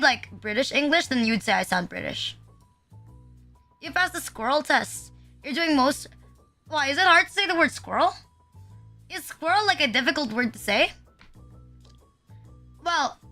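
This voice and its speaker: High, bright and forceful, this young Filipina VTuber's voice carries a casual livestream chat. She rambles, leaning on fillers nonstop and cursing frequently.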